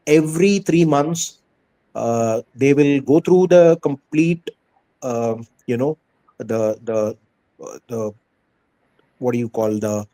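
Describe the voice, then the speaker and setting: A man's voice: mid-range voice, slow pace, long pauses, dark tone, poor audio. A man with an Indian accent giving earnest, emphatic answers in a conversational interview as a school head, often repeating phrases for stress.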